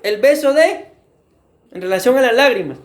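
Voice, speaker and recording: A man's voice: extremely high pitch, animated, normal speed, slight background noise. A man preaching a sermon as pastor, often addressing his congregation as beloved brothers and putting questions to them. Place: church.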